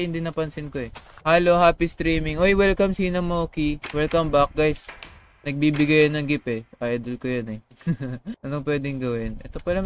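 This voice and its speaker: A young man streams a live game and casually commentates, chatting to viewers and reading their messages aloud. His voice is a little high and a bit bright with slight hiss or hum in the audio, and he screams when startled.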